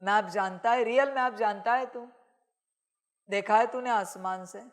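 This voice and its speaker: A spiritual messenger with a mid-range voice speaks a little slowly, delivering a channeled sermon. She talks as a divine father addressing his children, scolding them with emphatic rhetorical questions.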